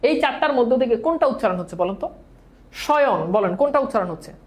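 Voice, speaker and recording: A woman's voice: on the high side, animated, very fast. Woman teacher leading call-and-repeat drills. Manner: mixes English words into speech; self-correcting and patient. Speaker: Bangla grammar teacher. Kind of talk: classroom lecture at a whiteboard.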